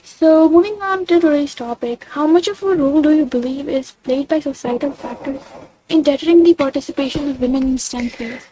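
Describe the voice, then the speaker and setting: A woman's voice: high voice, a little fast, mellow, a little hiss or hum, low-quality recording. A woman hosting an interview, reading formal prepared questions. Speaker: interview host.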